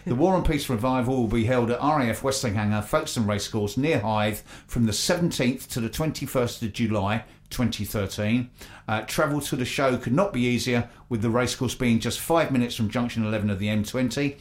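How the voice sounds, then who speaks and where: A man's voice: medium pitch, brisk. A man with an English accent hosting a radio show, reading out announcements in a chatty, hesitant way. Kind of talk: live local radio presenting, reading announcements.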